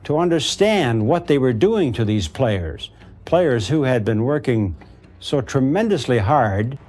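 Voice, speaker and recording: Slow, expressive man speaking earnestly. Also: medium pitch, faint music behind. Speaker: interviewee. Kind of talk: interview.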